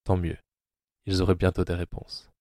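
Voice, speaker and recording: A man narrating an audio drama in a grave, measured way. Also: low-pitched, completely flat delivery, darkish tone, dry recording, studio quality.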